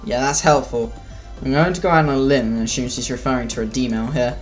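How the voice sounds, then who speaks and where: A man's voice: mid-range voice, steady tone, fast, faint music behind. Man reading a visual novel aloud. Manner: reads narration plainly, then breaks off into muttered asides. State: feeling sick. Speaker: streamer.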